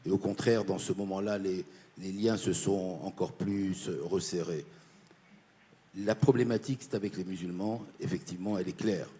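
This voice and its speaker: A man's voice: deep voice, steady tone, moderate pace, dark tone. Earnest man from Morocco giving a speech. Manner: earnest and insistent, repeating key points. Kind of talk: formal panel speech. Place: conference panel.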